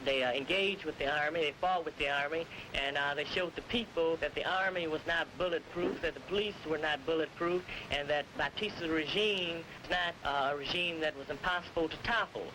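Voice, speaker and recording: Man in a noisy old newsreel clip. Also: fairly high pitch. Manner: measured, explanatory, with frequent "uh" pauses. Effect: old newsreel film sound. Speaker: political party spokesman. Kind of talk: archival interview.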